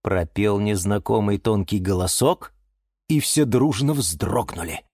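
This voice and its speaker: A woman narrating a children's story in an expressive, theatrical way. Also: a bass voice, a little slow, husky, dry recording, clean studio sound.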